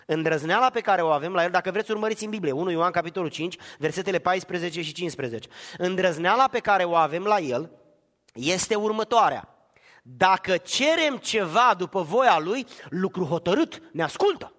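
A man preaching a sermon, impassioned, swinging between near-shouts and hushed tones. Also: high-pitched, animated. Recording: reverberant hall.

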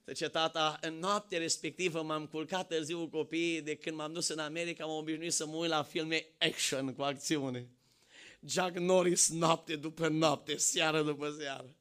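A male preacher with a forceful, ringing voice, sitting somewhat high for a man. He moves between impassioned shouted exhortation and calm, conversational storytelling. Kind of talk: sermon.

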